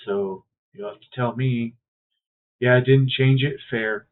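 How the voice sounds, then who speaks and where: A mid-range, slightly slow male voice with fairly even intonation offers casual, hesitant commentary on a wrestling video game he's streaming. Fillers crop up constantly as he muses, and his mic sounds tinny, like a tin can.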